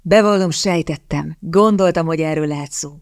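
A woman reading the part of an earnest young gentleman in love, eager and stammering. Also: low voice, dry recording, clean studio sound.

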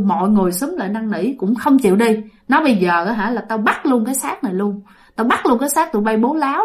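A woman telling ghost stories, chatty, with many fillers and often addressing the listeners. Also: mid-range voice. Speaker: storyteller. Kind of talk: ghost story narration.

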